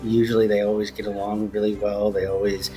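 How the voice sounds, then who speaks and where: Low-voiced man from Texas in his thirties. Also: flat delivery, brisk, music in the background. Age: 30s. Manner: casual, with frequent ums. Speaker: interviewee, son. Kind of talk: documentary interview.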